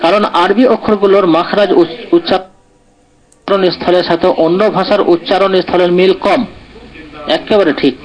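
Guy teaching arabic letter sounds, bit high voice, says each sound slow and keeps going "right?". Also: fairly even intonation, low-quality recording. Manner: explains patiently, checks understanding with repeated "right?"; sounds out letters slowly, syllable by syllable. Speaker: Quran recitation teacher. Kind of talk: classroom lesson.

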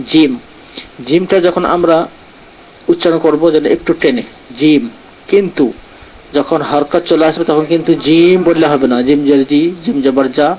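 Patient male teacher on a lo-fi call. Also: fairly high pitch. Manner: patient, explains step by step, reads from a textbook. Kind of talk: online lesson on Arabic letters and pronunciation.

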